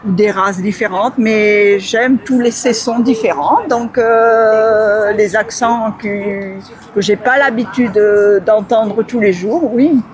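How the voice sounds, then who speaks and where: Slow, hesitant woman passerby with a crowd behind her. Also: medium pitch, fairly even intonation. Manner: thoughtful, hesitant, many fillers. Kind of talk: street interview answer.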